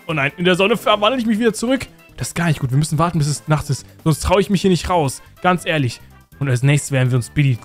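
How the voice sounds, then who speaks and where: A man hosting a Minecraft role-play video, talking eagerly to his audience. His voice sits high and bounces through a very lively range. Faint music plays underneath. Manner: excitable, addresses viewers constantly. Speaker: host.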